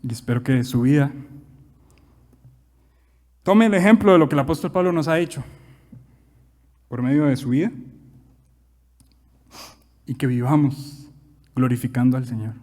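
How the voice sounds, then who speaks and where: Young costa rican pastor preaching, gets loud then drops low, rhetorical questions, echoey church. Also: male voice, moderate pace, pauses often. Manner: animated preaching with wide swings in loudness and rhetorical questions. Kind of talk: sermon.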